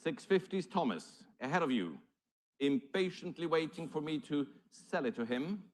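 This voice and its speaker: A man's voice: on the high side, sing-song, normal speed. A man working as an auctioneer, calling numbers and bids live in formal, courteous patter.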